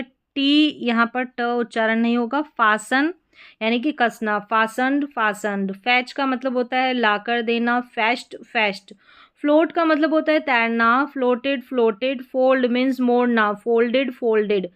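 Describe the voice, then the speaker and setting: A woman teaching English verb forms, reading word lists in a steady, drilled rhythm. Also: fairly high pitch, smooth. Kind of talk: vocabulary lesson recitation.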